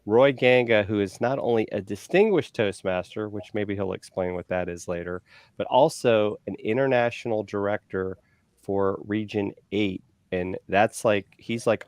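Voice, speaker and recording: A man in his forties co-hosting a casual online show, chatty and upbeat, giving shout-outs with lots of fillers. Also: lowish voice, no echo. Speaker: co-host.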